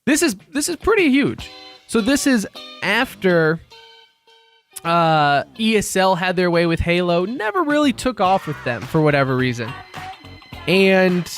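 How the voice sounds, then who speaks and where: A man's voice: high voice, sing-song, measured pace, faint music behind. A man hosting a radio show about esports, chatty and joking as he moves between segments. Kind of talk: casual esports radio talk.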